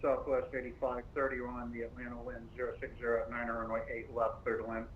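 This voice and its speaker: A man's voice: medium pitch, completely flat delivery. Tinny-sounding man on radio. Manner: clipped instructions with filler pauses. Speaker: air traffic controller. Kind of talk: radio phraseology. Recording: tinny radio link with faint noise.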